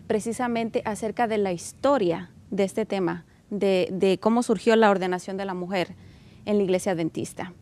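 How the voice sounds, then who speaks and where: A woman hosts a studio interview, formal and courteous in tone. Her voice sits at a middle pitch, and she sometimes hesitates with small fillers. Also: steady tone, moderate pace, darkish tone. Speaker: TV program host. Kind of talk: interview hosting.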